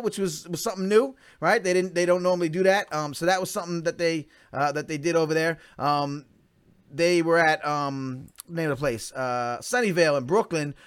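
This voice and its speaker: A man talks straight to his listeners in a loose, unscripted podcast. He hypes events with real enthusiasm, and his voice sits a little high for a man. He stumbles, restarts and fills gaps with "um" and "you know.". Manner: animated, hyping events, many fillers and restarts. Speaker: podcast host. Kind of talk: casual solo podcast talk.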